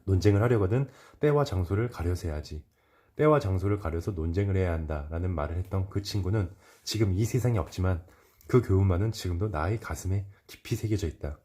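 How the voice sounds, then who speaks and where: Calm low-voiced man reading a book. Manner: calm, measured reading with occasional slips and corrections. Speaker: reader. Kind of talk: reading a self-help book aloud.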